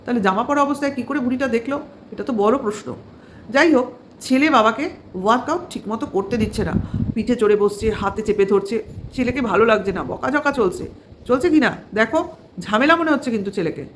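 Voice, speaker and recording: A woman's voice: on the high side, animated, brisk, slight background noise. A woman vlogger giving casual, sarcastic commentary on another channel, full of fillers and rhetorical questions.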